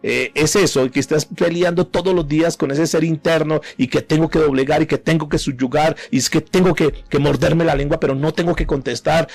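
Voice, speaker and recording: A male pastor delivering a sermon to a congregation in a church hall. He questions the listener directly and often repeats words as he gathers his thoughts. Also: on the high side. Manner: preaches with rhetorical questions to the listener.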